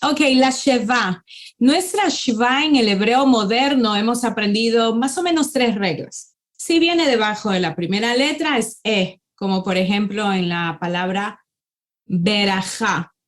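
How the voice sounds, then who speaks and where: A woman teaching a conversational language lesson, explaining step by step and slowing down to sound out words. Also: a little high, animated. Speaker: Hebrew teacher.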